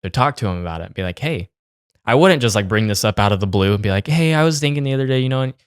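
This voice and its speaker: A man's voice: mid-range voice, expressive, fast talker, clean tone, dry recording, clean studio sound. A young man co-hosting a casual podcast, giving blunt relationship advice and repeating his points. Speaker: podcast co-host.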